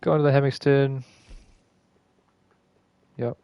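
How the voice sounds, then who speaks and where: A man's voice: mid-range voice, level tone, slow pace, smooth, no room sound, dull audio. A man streaming a game and explaining a glitch in casual gameplay commentary, rambling and correcting himself and swearing casually. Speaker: gaming streamer.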